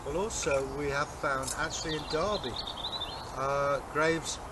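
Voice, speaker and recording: An older man, a co-host and Viking re-enactor, explains things casually, show-and-tell style, in an unhurried, slightly high voice. He is outdoors in a leafy garden, recorded by a camera a few metres away, with birds and distant traffic audible.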